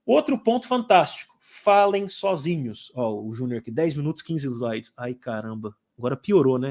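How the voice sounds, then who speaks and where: Chatty Brazilian English teacher, higher voice. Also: male voice. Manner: chatty, lively, many filler tags. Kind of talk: live webinar talk.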